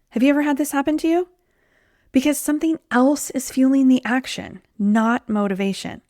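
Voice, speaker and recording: A woman with a mid-range, slightly mellow voice hosts her own solo podcast as a weight loss coach, recorded at studio quality with no room sound. She's chatty and conversational, often saying "like" and "um," and being sick has left her voice a little off.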